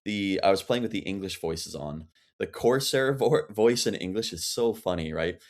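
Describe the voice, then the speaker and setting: A man's voice: low-pitched, lively intonation, normal speed. A man talking as a podcast panelist in casual chat, rambling and saying "like" a lot.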